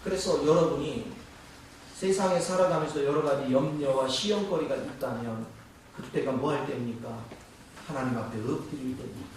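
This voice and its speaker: A man's voice: mid-range voice, moderate pace, darkish tone, far from the mic, slight background noise. A man preaching a sermon to his congregation, asking rhetorical questions as he goes. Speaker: pastor. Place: church sanctuary. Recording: echoey church hall, mic from afar.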